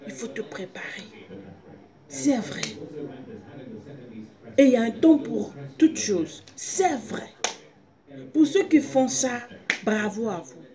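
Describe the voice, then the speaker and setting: A woman's voice: on the high side, animated, slow, long pauses, a crowd in the background. A woman preacher in gives a personal, insistent sermon, repeating phrases and questions and often groping for words. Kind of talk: personal video sermon, exhorting listeners.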